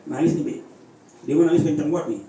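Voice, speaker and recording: A man with a Betawi accent preaching a lively, conversational sermon and peppering the listeners with questions. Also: fairly high pitch, fast talker. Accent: Betawi Indonesian. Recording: echoey, distant, faintly noisy recording.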